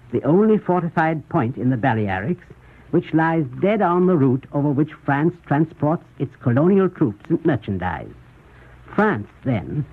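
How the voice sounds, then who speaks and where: A man giving scripted 1930s radio news commentary in a measured, formal, rhetorical manner, with a husky voice. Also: medium pitch. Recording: muffled, tinny 1930s radio recording.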